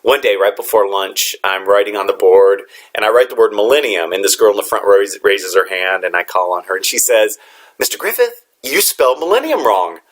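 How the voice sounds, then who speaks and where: A man's voice: fairly low pitch, fairly quick, hardly any pauses. A man who is a teacher, giving a motivational talk to fellow educators in an earnest storytelling manner. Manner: earnest storytelling with lively quoted dialogue.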